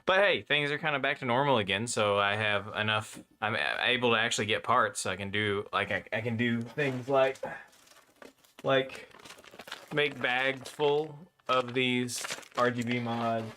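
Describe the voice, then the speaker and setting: Here the console modder speaks in a mid-range voice with a sharp tone and an unhurried pace, against slight background noise. He live-streams the hands-on install at his workbench, chatting and rambling with fillers while getting over a slight cough from a cold.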